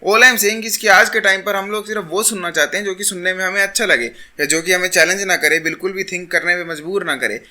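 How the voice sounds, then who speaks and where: Forceful, argumentative young man. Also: high-pitched, fairly even intonation, brisk, hardly any pauses. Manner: argumentative, mixes Hindi and English. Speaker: self-improvement YouTuber. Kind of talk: opinion monologue to camera.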